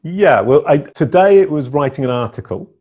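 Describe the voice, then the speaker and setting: Speaking at a moderate pace in a slightly high voice, a middle-aged man from England spins stories as a guest in a relaxed interview. He's an animated storyteller who leans on playful emphasis, though the audio sounds dull.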